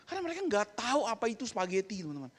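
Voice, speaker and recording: Chatty youth preacher. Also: male voice, high voice, sing-song, very fast, a bit bright. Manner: chatty, keeps addressing listeners as friends, mixes in English. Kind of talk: casual youth sermon and prayer.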